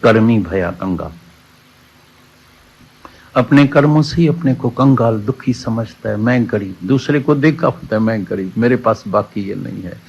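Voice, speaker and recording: Speaking a little slowly with lively intonation, a man gives a Hindi satsang sermon and tells a parable, repeating key words and quoting scripture. His low voice is creaky, slightly mellow and breathy, and the audio is dull lo-fi.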